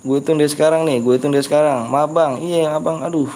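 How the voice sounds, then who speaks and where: A man's voice: on the high side, fairly even intonation, fast, warm tone, a little hiss or hum. A man with a Betawi Jakarta accent hosting a casual live game stream, chatting with viewers, reading their comments and lecturing rude ones on politeness.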